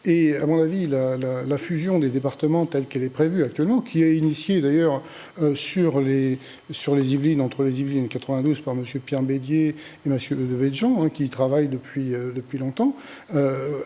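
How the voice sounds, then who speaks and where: A man's voice: medium pitch, normal speed, dark tone. A local party president arguing his side in a televised political debate, correcting how the question was framed. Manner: argumentative, correcting the opponent's framing. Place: local TV studio.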